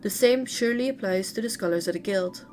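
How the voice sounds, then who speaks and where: A woman voicing a proud, sharp-tongued male genius scholar from a game's lore, in a cutting, condescending lecturing manner and close to her own mid-pitched voice. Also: fairly quick, slight background noise, lightly acted.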